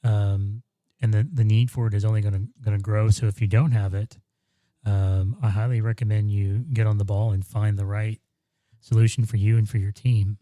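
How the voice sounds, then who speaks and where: A man's voice: fairly low pitch, little pitch movement, moderate pace, dark tone, no echo. A man co-hosting a podcast in casual chat, rambling with many ums and restarts, on a studio dynamic mic. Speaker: podcast co-host. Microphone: broadcast dynamic studio mic.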